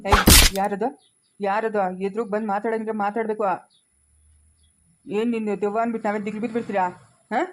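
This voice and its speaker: A woman's voice: mid-range voice, flat delivery, close to an everyday voice. Woman playing a bold older father-in-law. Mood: challenging. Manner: quick, challenging shouts of questions.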